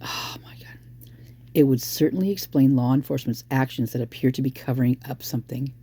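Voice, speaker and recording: Hoarse voice, very dark tone, husky, casual true crime speculation, thinking out loud. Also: mid-range voice, steady tone, fast talker, no echo. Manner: thinks aloud, exclaims at sudden realizations.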